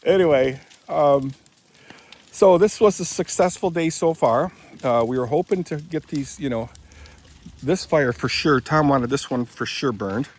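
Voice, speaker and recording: Filmed on a handheld phone camera, a vlogger in his seventies from Michigan works outdoors on rural land and chats in a rambling, casual way, frequently correcting himself. His voice is a little high and unhurried.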